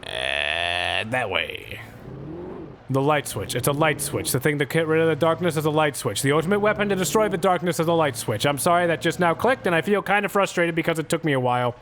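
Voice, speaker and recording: Sarcastic, swearing game streamer. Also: male voice, a little high, lively intonation, fairly quick, a bit bright, a little hiss or hum. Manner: sarcastic, profane, rambling jokes. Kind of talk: live gameplay commentary.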